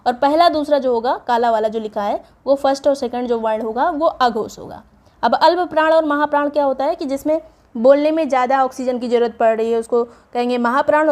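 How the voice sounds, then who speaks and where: Female teacher with a high voice, exam prep class, methodical, reads out word lists. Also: a little mellow. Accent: Hindi, North Indian. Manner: explains step by step, reads word lists aloud.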